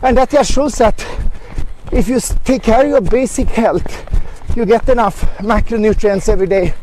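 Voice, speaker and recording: A man's voice: high-pitched, normal speed, darkish tone, slight background noise, rough recording. A man talking casually in a running vlog while jogging outdoors. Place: outdoors on a hilly mountain road.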